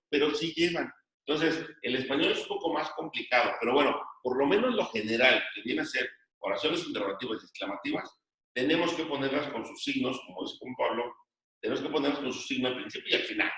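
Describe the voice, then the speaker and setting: A man's voice: mid-range voice, fairly bright tone. A male teacher explaining a grammar point to his class and dictating notes, often repeating phrases. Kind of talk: classroom lesson. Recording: echoey room, voice from a distance.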